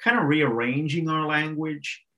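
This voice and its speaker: A man co-hosting a podcast who explains his reasoning step by step. He often restarts his phrases mid-thought. His voice is bright. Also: a little high, unhurried. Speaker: podcast co-host. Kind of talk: casual discussion.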